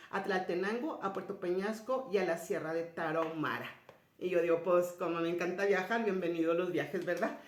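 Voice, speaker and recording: A woman shares a spiritual personal testimony, speaking directly to her listeners. She retells conversations in a soft voice that often sinks low and quiet. Her pitch sits in a middle range, and the recording has a roomy echo. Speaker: speaker sharing a personal story. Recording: roomy echoey sound.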